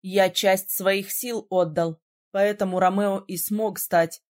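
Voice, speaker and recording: A woman reading an audiobook, voicing a stern, powerful young male prince mage in a low, grave voice. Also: steady tone, slow pace, close to an everyday voice.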